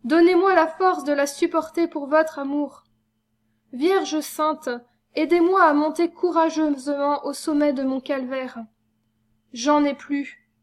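A woman voicing a young devout nun, fervent and grieving, with a pleading tone. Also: sits high.

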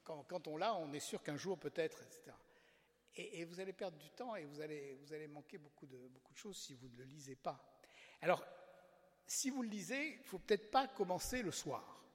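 A man's voice: a little high, animated, moderate pace. A man who wrote a book, talking informally to an audience in a chatty way with wry asides and frequent restarts. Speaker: author presenting his book. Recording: long hall reverb.

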